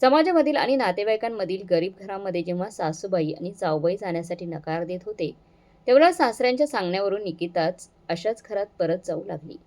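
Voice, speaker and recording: A woman storyteller narrating a moral family story in a steady, earnest reading. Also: mid-range voice, brisk.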